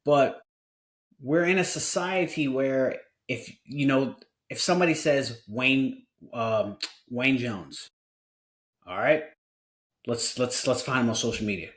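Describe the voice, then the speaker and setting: A forty-year-old man talks openly as host of a casual podcast. His voice sits at an ordinary pitch. He speaks earnestly and keeps circling back to restart his sentences. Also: slow pace, reverberant. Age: 40s. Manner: candid and earnest, with frequent restarts.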